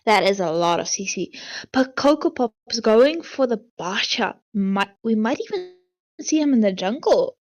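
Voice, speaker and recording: A woman co-casts a live esports match in a slightly high voice. She teases her partner in a playful way and giggles often between her remarks on the play. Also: big pitch swings, measured pace. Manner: teasing and giggly. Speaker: esports co-caster.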